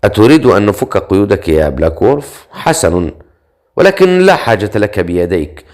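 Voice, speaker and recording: A cruel, sneering priest from a dark fantasy audiobook, cold and mocking, as a male narrator reads him. His voice sits low and calm, almost bored in its cruelty. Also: fairly quick.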